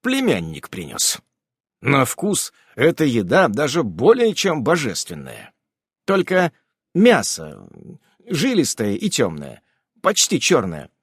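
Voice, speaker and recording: A man's voice: medium pitch, wildly swooping pitch, slow, slightly rough, no echo, studio quality. A man narrating a humorous story in a wry, conversational manner.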